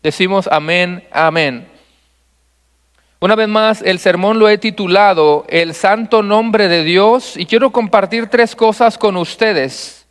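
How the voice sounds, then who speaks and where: A pastor with a bright, high, very clear voice preaches to his congregation. He lays out his points one by one, repeats them, and asks the people questions. His voice rings with the long reverb of a church hall. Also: a little slow, hardly any pauses. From Mexico. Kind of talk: expository sermon. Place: church sanctuary.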